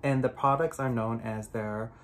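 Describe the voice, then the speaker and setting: A man with a raspy voice from allergies, casually reviewing skincare products at home in a chatty, rambling way. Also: mid-range voice, steady tone, moderate pace. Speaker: skincare vlogger.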